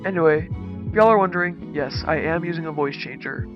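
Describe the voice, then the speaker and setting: A man speaking through a voice changer as he hosts a relaxed, easygoing tour of his game world. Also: on the high side, brisk, muffled recording. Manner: laid-back, easygoing, talks while touring his builds. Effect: voice changer disguising his voice. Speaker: gaming channel host. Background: background music.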